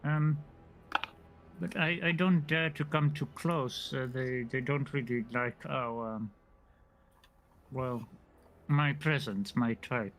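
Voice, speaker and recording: A man acting as game master in a tabletop role-playing game, speaking hesitantly with many pauses and restarts while voicing a shopkeeper. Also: mid-range voice, a bit bright, poor audio. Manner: hesitant, lots of ums and restarts.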